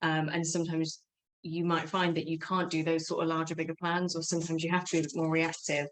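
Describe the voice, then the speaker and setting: A woman's voice: sits low, little pitch movement, fast, a little hiss or hum, rough recording. A woman working in HR, explaining things casually in a webinar presentation. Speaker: HR professional presenting.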